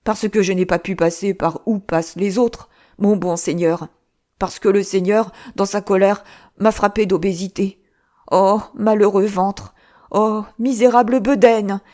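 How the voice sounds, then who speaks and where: A woman reading an audiobook, voicing a fat, cowardly male monk who wails and pleads loudly. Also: lowish voice, natural voice. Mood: lamenting. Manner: lamenting, pleading, drawn-out wails.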